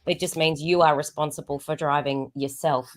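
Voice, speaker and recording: A woman co-hosting a casual online chat, her voice croaky and hoarse tonight, talking bluntly and teasing the others. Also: deep voice, steady tone, normal speed. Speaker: co-host. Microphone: video call.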